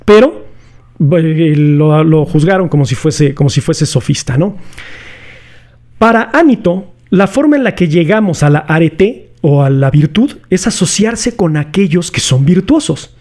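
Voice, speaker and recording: A man's voice: fairly high pitch, expressive, measured pace, a little mellow. A man with a Mexican accent hosting a casual philosophy lesson, talking in a chatty, slangy way and putting rhetorical questions to his viewers. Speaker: philosophy video host. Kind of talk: casual explanatory lecture.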